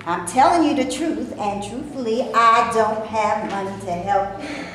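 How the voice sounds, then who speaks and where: In a very echoey recording of a staged play reading, an actress voices a wry, indignant maid with acting dreams and plenty to say. Her fairly high voice has a fairly bright tone, her pace is a little slow, and she sounds defensive. Faint noise surrounds her.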